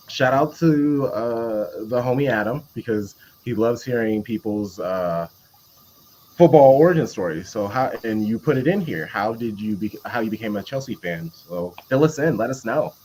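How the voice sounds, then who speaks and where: A man's voice: mid-range voice, lively intonation, normal speed. Playful male podcast host. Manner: playful, stumbling over words. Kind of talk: casual chat.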